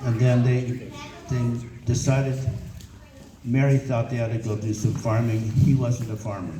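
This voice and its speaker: A man's voice: medium pitch, level tone, unhurried, dark tone. Old american grandpa rambling thru family history, grandfatherly storytelling, far from the mic, roomy n noisy. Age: older. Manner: rambling grandfatherly reminiscing with repeated phrases. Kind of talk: informal oral family storytelling. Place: echoey room, recorded from a distance. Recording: roomy, noisy, distant microphone, clicks.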